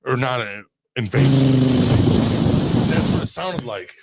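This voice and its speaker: A man's voice: medium pitch, measured pace, very noisy. A man hosting a casual podcast, telling stories animatedly, swearing a lot and yelping when he acts out being scared. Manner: animated storyteller, swearing, loud yelps when acting out scares. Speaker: podcast host.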